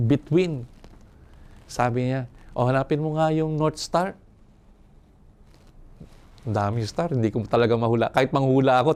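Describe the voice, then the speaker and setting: Older male priest from Manila; relaxed storyteller's sermon, chatty, chuckling asides. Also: on the high side, smooth. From Manila, Philippines. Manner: conversational, chuckles and asks "no?" often. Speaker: priest giving a retreat talk. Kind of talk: reflective sermon with personal stories.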